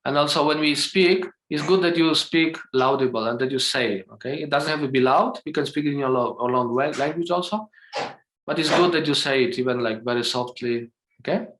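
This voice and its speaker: A man leading a calm guided meditation over a video call, speaking English with non-native phrasing and checking in gently with a soft "okay?". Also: fairly high pitch, fairly quick. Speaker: meditation teacher. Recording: roomy video call sound.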